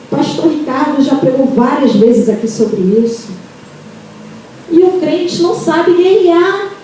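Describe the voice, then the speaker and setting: A Brazilian woman giving a testimony at a church service, telling her story with animated acted-out dialogue and calling her listeners "amados". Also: sits high, a little slow, slight background noise. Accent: Brazilian Portuguese. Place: church hall. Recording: very echoey hall, taped from far off.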